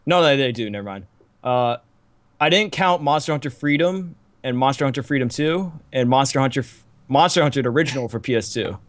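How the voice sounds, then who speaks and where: A man's voice: mid-range voice, expressive, a little fast, no echo. A young man on a casual gaming podcast, rambling and laughing, with lots of fillers and restarts. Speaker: podcast co-host. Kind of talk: casual chat.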